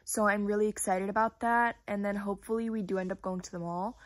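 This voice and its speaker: A woman's voice: mid-range voice, steady tone, fast, very noisy. A teenage girl talking casually to her viewers in a day-in-my-life vlog, chatty and full of fillers, recorded in her bedroom on a camera in front of her. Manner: chatty, filler-heavy, addresses viewers directly. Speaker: vlogger. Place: bedroom at home, indoors.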